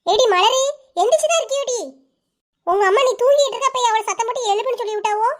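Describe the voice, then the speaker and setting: Woman voicing a bossy village neighbor. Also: very high voice. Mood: scolding. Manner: fast, sharp scolding. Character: brisk young village neighbor woman, bossy but caring. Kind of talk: cartoon voice-over.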